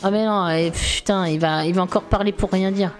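A woman's voice: medium pitch, steady tone, brisk, faint music behind. A woman streamer giving blunt, casual commentary while playing a video game. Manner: blunt, swears freely. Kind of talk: casual let's-play commentary.

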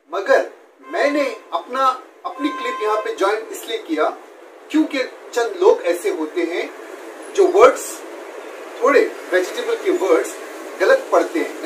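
A man teaching English pronunciation, drawing out and repeating each word slowly and calling his viewers dear students. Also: high-pitched, animated, noisy background. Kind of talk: pronunciation lesson.

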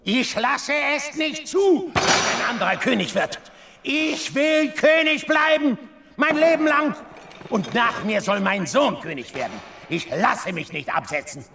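A man's voice: very high-pitched, animated, measured pace, gravelly, in a large hall, background noise, exaggerated voice. An actor playing an aggrieved, grumpy, embittered king in a radio play, grumbling and commanding. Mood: angry, imperious.

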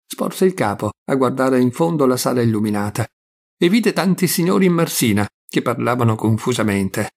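Gravelly-voiced Italian man narrating a story. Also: medium pitch, animated, moderate pace, a little mellow. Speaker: audiobook reader. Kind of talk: literary narration of a short story.

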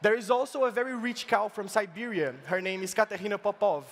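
A man giving a playful comic science talk on stage, halting often and filling pauses as he explains. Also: sits high. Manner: playful, halting, with many fillers and restarts. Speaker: science slam presenter. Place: large event stage, indoors. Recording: reverberant live event hall.

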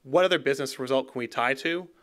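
A man's voice: mid-range voice, quick pace, a bit bright. A man in his thirties giving a conversational conference keynote from a stage podium, sometimes repeating words as he restarts a phrase. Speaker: keynote speaker. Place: dark auditorium stage. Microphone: podium gooseneck mic.

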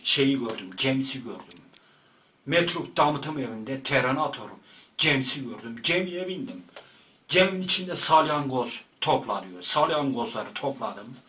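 A man tells a meandering comic story in loose, slangy speech, circling back and repeating phrases as he stumbles along. His voice is bright and sharp, sitting in a middle register. He sounds slightly distant from the microphone. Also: medium pitch. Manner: repetitive, slangy, stumbling retelling. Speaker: channel host. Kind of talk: rambling comic monologue.

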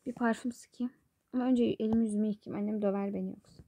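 A woman's voice: on the high side, steady tone, fast, warm tone, a little hiss or hum. A woman narrating a toy role-play vlog in a sulky, mock-dramatic way.

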